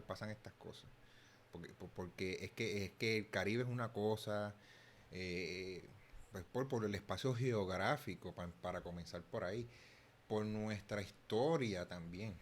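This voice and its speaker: Slight background noise accompanies this fairly low-voiced young Puerto Rican host, whose Puerto Rican Spanish accent colors his casual talk. He keeps starting phrases over and repeating himself as he works out his thoughts out loud.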